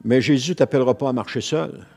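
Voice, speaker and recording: A man's voice: medium pitch, fast talker, gravelly, darkish tone, breathy edge, faint music behind. A man with a Quebec French accent preaching a sermon as pastor, earnest, repeating phrases and restarting lines as he goes.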